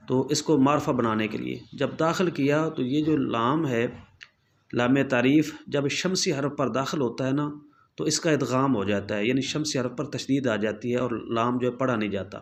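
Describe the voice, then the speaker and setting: A man teaching the rules of Quran recitation, explaining patiently and repeating himself, slowly demonstrating pronunciations and checking in often with his students. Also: mid-range voice. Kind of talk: explanatory tajweed lesson.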